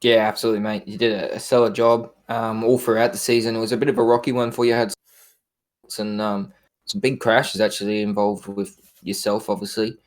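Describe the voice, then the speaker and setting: A man's voice: lowish voice, flat delivery, fairly quick. A man, interviewing in a casual, chatty style. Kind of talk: casual post-season interview.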